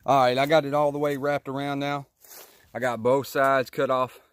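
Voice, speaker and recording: A car vlogger wraps up a how-to video beside his car after an install, talking to viewers in a chatty, laid-back way while still a little out of breath. His mid-range voice is flat and moderately paced, with a slight hiss or hum in the audio.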